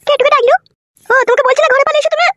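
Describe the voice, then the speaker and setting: A woman's voice: extremely high pitch, steady tone, rapid-fire, a bit bright. A woman acting in a comic family sketch, scolding and quarrelling dramatically.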